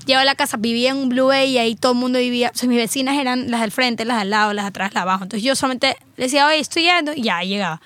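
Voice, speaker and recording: A woman in her thirties, a guest in a casual chat, telling stories in a chatty, animated way. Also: on the high side, racing, few pauses, no echo.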